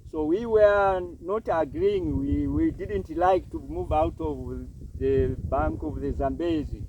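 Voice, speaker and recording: A man interpreting an interview outdoors, translating in halting phrases. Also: fairly high pitch, dull audio. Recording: windy outdoor recording, distant mic, boat noise.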